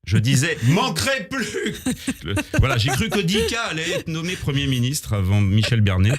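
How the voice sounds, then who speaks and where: A man reading a scripted comic column on the radio in a small studio, with wry, deadpan asides. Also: mid-range voice, a little fast. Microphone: studio microphone.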